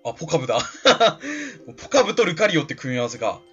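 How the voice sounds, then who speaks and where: A man's voice: a little high, huge pitch swings, a little fast, fairly bright tone, breathy edge. A man giving chatty, laughing commentary while playing a video game. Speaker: let's play commentator. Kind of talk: casual gameplay commentary. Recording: slightly dull lo-fi recording with faint game music.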